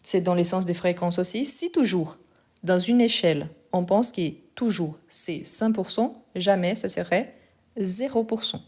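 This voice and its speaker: A woman's voice: lowish voice, a little slow, a little mellow. Woman teaching a live French lesson. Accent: non-native accent in French. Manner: explains patiently, checks in with "ok?"; tends to speed up while talking. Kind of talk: live online language lesson.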